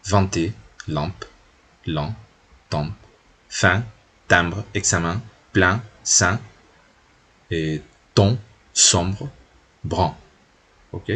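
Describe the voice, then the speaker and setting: A man's voice: deep voice, gravelly, slightly rough. A man giving a patient video lesson on French spelling and sounds, often checking in with his listeners as he goes. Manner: patient, repeats points and checks in with a frequent "¿no?". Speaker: French teacher.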